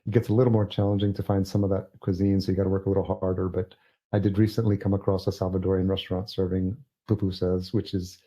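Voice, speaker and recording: A man's voice: low voice, little pitch movement, fast talker, warm tone, breathy edge. A male podcast host talking casually and hesitantly, with plenty of fillers. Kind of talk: casual interview chat. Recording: dull lo-fi audio.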